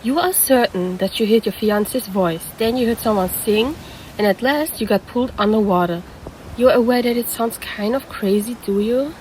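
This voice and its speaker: A woman plays a predatory female siren disguised as a lifeguard, teasingly calling the listener handsome in a concerned, puzzled mood. She speaks at normal speed with a fairly high, darkish, natural voice, and the audio is poor with slight background noise.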